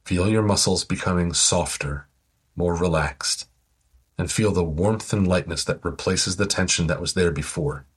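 Very smooth, deep-voiced man guiding relaxation. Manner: slow, soothing instructions. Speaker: relaxation guide. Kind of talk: guided progressive muscle relaxation.

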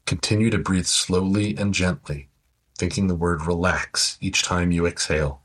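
Man, deep voice, very smooth tone, slow soothing relaxation guide. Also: fairly even intonation, a bit bright. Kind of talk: guided progressive muscle relaxation.

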